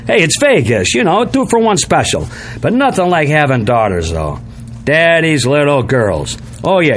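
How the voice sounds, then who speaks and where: An older man telling stand-up jokes in a brash, punchy way. His voice sits a little high for a man. A faint hiss of noise runs under it. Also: a bit bright. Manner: brash punchy joke delivery. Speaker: stand-up comedian. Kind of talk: stand-up routine then casual explanation.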